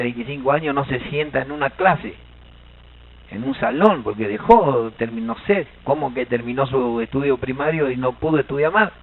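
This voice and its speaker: A man with an Argentine Spanish accent giving a lively seminar lecture as a Guaraní language teacher, joking and quizzing the audience. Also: on the high side, vocal fry, narrow, tinny audio. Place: seminar hall.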